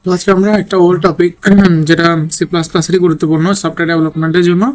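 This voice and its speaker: A man's voice: a little high, little pitch movement, very fast, a little mellow. A man teaching a programming lesson while typing code, thinking aloud and often checking in with "okay?". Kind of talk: screen-recorded coding tutorial.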